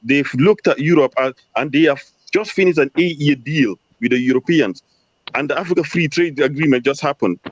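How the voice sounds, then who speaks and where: A man with a somewhat high voice lays out his views firmly and keeps checking that the listener follows. The sound is a little muffled and lo-fi. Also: brisk, a little hiss or hum. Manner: emphatic, asks rhetorical questions. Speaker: discussion participant. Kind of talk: lecturing commentary.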